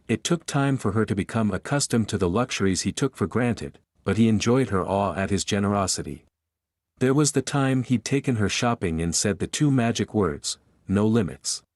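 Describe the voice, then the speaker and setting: A man narrating an audiobook romance in a steady storytelling delivery. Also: on the low side, no echo, clean studio sound. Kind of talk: scripted narration.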